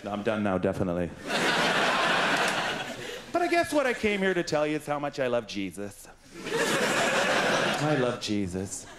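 A male stand-up comedian doing an absurd, rambling set on a club stage, swinging between squeaky highs and mumbled lows. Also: wildly swooping pitch, fairly quick, long pauses, very noisy. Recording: roomy club, loud audience laughter.

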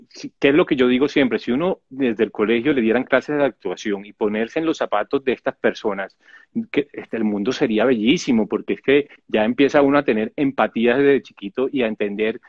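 A man, an actor being interviewed, telling stories about his work in an animated, chatty way with many restarts. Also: medium pitch, no echo. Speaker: actor guest. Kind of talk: casual interview storytelling. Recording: dull lo-fi dry audio.

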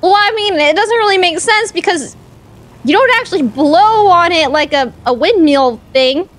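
Woman acting eager naive schemer, extremely high pitch, lively intonation, gushing, hesitant, game role-play. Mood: awkward, chatty. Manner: chatty, gushing, halting, hesitant asides.

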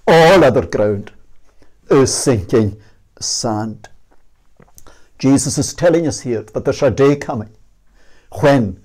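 A man's voice: mid-range voice, darkish tone. An older man with a Scottish accent preaching earnestly, asking searching questions, then leading a prayer. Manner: earnest, emphatic questioning, slow and measured. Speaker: minister. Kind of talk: sermon and closing prayer. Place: small indoor room against a plain wall. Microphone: fixed camera at medium distance.

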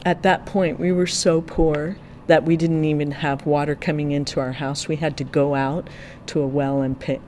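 Interpreter's translation voice-over, measured and steady. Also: mid-range voice, slight background noise. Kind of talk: translation voice-over, first-person retelling.

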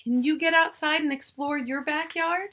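A middle-aged woman reads a picture book to young children with expression, drawing out key words and talking to the listener, indoors in a small furnished room at home. Her voice sits high with a steady tone, normal speed, and a slightly bright quality.

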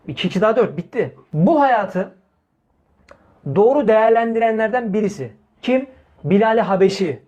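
A man's voice: high voice, expressive, normal speed, darkish tone, dull audio. A man preaching in an informal religious talk, speaking emphatically, repeating key phrases, asking rhetorical questions and addressing his listeners directly as brothers. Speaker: Islamic preacher.

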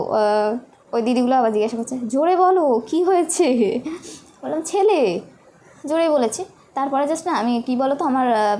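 A young woman, a new mother, tells her birth story in a casual, halting way, often stopping on fillers. Her voice sits a little high. Faint noise hums behind her. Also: mellow. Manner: halting, with many pauses and fillers.

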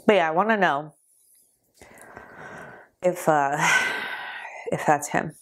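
A woman hosting a reaction vlog, tearful and upset, speaking haltingly and trailing off between heavy sighs. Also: deep voice. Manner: halting, sighing, trailing off mid-sentence. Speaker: reaction video host.

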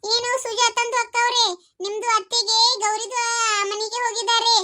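A gossipy neighbour woman, as a woman puts her on, drawling slowly and mixing Hindi words into her talk. Her voice is high and bright. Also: level tone. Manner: slow, drawling, mixes in Hindi.

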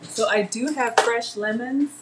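Speaking at a measured pace in a fairly high voice, this middle-aged woman hosts an informal cooking livestream from her own kitchen. She chats with viewers and mentions commenters by name as she goes, while a fixed camera at counter distance captures her against background noise.

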